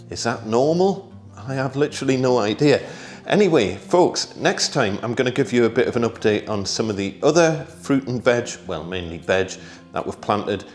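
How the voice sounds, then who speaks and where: A British man hosting a casual gardening vlog, chatty and relaxed, thinking aloud with small asides and talking while he tastes food. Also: on the low side. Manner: talks while tasting food. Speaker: gardening vlogger.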